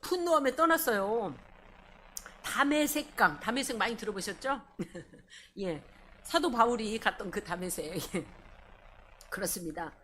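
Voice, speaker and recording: A woman pastor preaching a sermon, animated and asking the congregation questions. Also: mid-range voice, measured pace, pauses often, a little hiss or hum. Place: church service.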